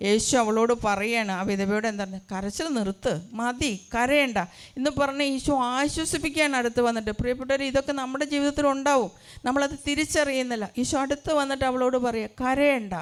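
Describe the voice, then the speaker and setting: A woman's voice: fairly high pitch, steady tone, brisk, smooth. A religious sister giving an earnest testimony in a church hall, asking her listeners rhetorical questions. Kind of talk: sermon testimony.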